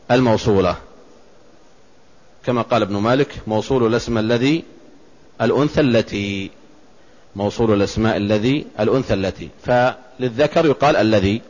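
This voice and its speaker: A man's voice: medium pitch, darkish tone, dull audio. Man teaching a religious lesson. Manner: measured explanatory teaching, reciting verse and quoting. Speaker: Islamic scholar teaching a text.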